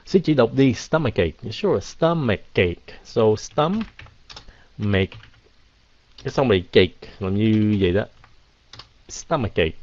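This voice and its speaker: A man teaching English in a casual live Q&A, mixing Vietnamese and English and drawing words out slowly. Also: fairly low pitch, a little mellow, no echo. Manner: drawn-out, slow pronunciation of English words. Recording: dull, lo-fi, dry.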